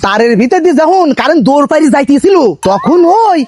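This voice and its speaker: A man playing a smooth-talking village swindler in a comic drama, spinning drawn-out excuses. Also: extremely high pitch, lively intonation, a little mellow, dry recording, clean studio sound. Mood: blustering. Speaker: con man selling fake electricity.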